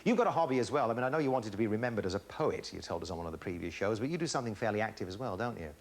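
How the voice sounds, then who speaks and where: A man's voice: on the low side, animated, very fast, creaky. A middle-aged man hosting a television game show with chatty, teasing banter in a studio.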